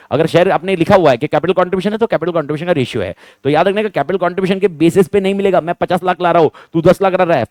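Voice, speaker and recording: Man, teacher, exam revision lecture, rapid-fire questions, repeats key points, slightly high voice, dry sound. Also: a little mellow, dry recording.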